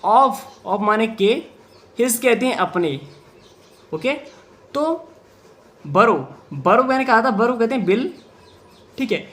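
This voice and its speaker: High-voiced man teaching English word by word. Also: animated, a bit bright. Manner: translates word by word, answers his own questions with "ok sir"; reads English sentences very slowly and deliberately. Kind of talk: Hindi-medium English reading lesson.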